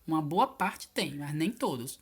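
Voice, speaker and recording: A woman teacher, patiently going over homework answers in a recorded video lesson and spelling out each word slowly. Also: sits low, lively intonation, breathy edge. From Piauí, Brazil.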